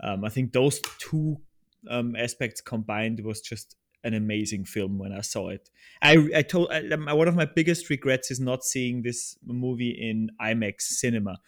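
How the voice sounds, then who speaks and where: A hesitant Austrian-born man, a video trailer producer, appears as a guest on a podcast in a casual interview chat. He speaks in a mid-range voice at a moderate pace, with many restarts and fillers.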